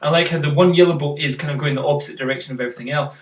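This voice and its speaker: A man's voice: a little high, very fast. A man hosting a casual photo critique, talking through pictures and quizzing his co-host. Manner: chatty, uses fillers, quizzes co-host. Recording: roomy, mic at a distance.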